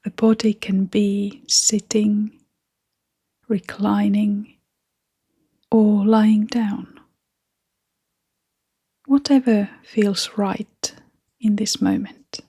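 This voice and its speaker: Leading a guided meditation, a woman speaks gently in a soft, breathy half-whisper, leaving long pauses. Her pitch is medium and her tone steady.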